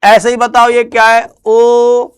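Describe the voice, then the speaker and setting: A man teaching Hindi grammar in a classroom lecture. He asks questions and answers them himself in a lower, quieter voice, and drawls words out slowly to stress them. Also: lively intonation, smooth. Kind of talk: classroom lecture with call-and-response.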